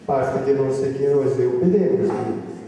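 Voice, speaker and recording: A man with a Sardinian accent speaking off the cuff at a conference, halting and often repeating words as he restarts. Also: medium pitch, crowd noise. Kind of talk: unscripted talk at a conference. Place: conference hall. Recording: distant mic in an echoey hall.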